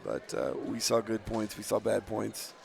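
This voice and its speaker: A man calling play-by-play for a high school girls' basketball game, reading out scores and times left. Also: lively intonation, normal speed, creaky, darkish tone. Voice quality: scratchy voice. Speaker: play-by-play announcer.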